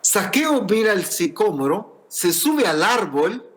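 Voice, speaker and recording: A man's voice: sits high, sing-song, slow, a bit bright. A man preaching a sermon in church, earnest and explanatory, asking rhetorical questions.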